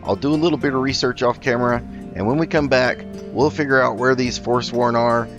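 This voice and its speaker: A gaming video host talks a little fast in a steady, medium-pitched voice, chatting and thinking aloud during a casual roleplay let's play. Game music plays faintly under a slightly dull mic.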